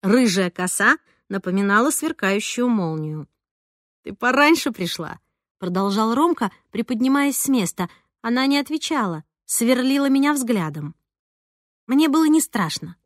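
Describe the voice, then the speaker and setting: A woman narrating a first-person audiobook in an expressive, lively way. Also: a little high, normal speed, dry recording, clean studio sound. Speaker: audiobook reader.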